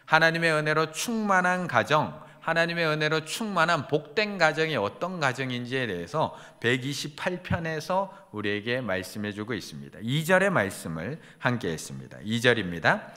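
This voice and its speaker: Lively, forceful male pastor preaching. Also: a little high, moderate pace, hardly any pauses. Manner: earnest preaching with swelling emphasis. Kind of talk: sermon. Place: church sanctuary. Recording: reverberant church sanctuary.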